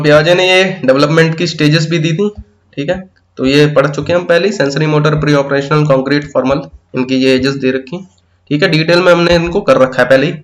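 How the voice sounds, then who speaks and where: A man with a slightly high voice teaches an exam-prep pedagogy lesson. He explains things step by step, mixing in terms, and keeps checking in with "theek hai."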